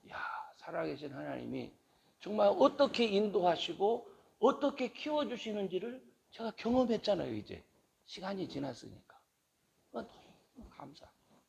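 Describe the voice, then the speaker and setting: A middle-aged male pastor preaching a sermon and leading a closing prayer, with impassioned, pleading cries that rise to loud exhortation. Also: medium pitch, creaky, slightly rough.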